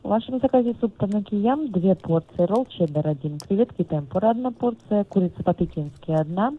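A woman's voice: medium pitch, expressive, a little fast. A woman's voice comes through a tinny phone line as she takes a restaurant order. She stays polite and patient and lists dishes and juices one after another. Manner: polite, patient, reads out menu items. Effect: heard over a phone line.

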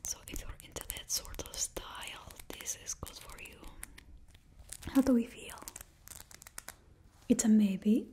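Her natural voice is fairly high and dark-toned, and she whispers at a measured pace with frequent pauses. The young woman is doing ASMR roleplay as a cheerfully ruthless stylist to supervillains, using a put-on Russian accent and dropping little words. She's recorded on a close mic in a small indoor studio with a backdrop, her face near the camera.

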